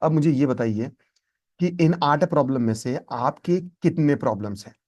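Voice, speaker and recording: A man's voice: fairly high pitch, animated, normal speed, a little mellow. A man teaching a spoken English lesson, emphatic and repeating his key points.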